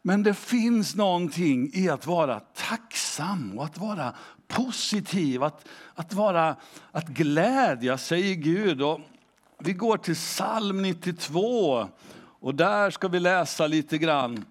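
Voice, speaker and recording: A man preaching a sermon, asking the congregation direct questions and reading scripture aloud slowly and deliberately. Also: fairly high pitch, expressive. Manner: engaging, asks the congregation questions. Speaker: pastor.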